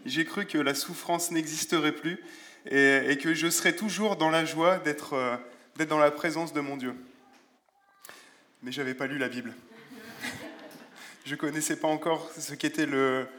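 A man preaching a sermon in a relaxed, conversational way, with self-deprecating humor and Bible verses read aloud. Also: on the high side, a little slow, long pauses. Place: church.

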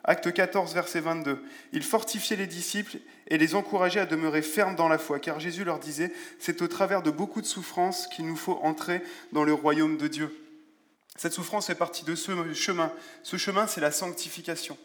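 Man, preacher, sermon in church, conversational, self-mocking humor, reads Bible verses, fairly high voice. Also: steady tone, normal speed, fairly bright tone.

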